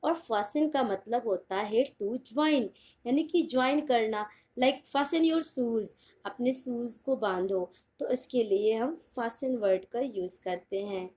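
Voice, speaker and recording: A woman with an Indian accent teaching English pronunciation in Hindi, spelling words out letter by letter, repeating them and asking if it is clear. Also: on the high side, slow, a little mellow. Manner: checks understanding with "clear?".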